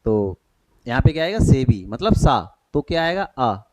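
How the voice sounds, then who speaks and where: A man's voice: medium pitch, big pitch swings, a little slow, a little mellow. A man teaching an exam-prep grammar lesson, often quizzing his students and checking they follow. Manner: questioning, repeats checks like "thik hai".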